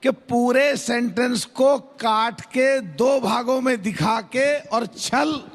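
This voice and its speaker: A man's voice: very high-pitched, takes it slowly. A man speaking as a panelist in a heated television debate, talking over others and raising his voice to attack. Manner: combative, shouting over others. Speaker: political panelist. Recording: long reverb.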